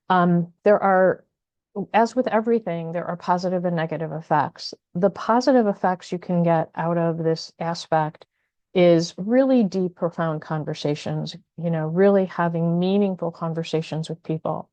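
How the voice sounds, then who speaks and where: A woman's voice: on the low side, warm tone, no room sound. A woman hosting an astrology video, talking casually and thoughtfully with many fillers and restarts. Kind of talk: casual spoken astrology guidance.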